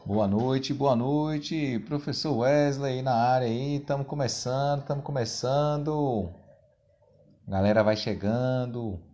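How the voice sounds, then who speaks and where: Mellow-voiced man hosting a live stream. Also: medium pitch, slow pace, highs cut off. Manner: informal, jokey, effusive with thanks. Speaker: co-host teacher. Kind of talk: live stream host chat.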